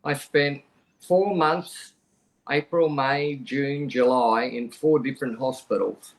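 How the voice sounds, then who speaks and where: A man's voice: medium pitch, slow. A middle-aged Australian man telling a personal story frankly as a podcast guest, talking plainly and often restarting his sentences. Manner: conversational, frank, plain-spoken with frequent restarts.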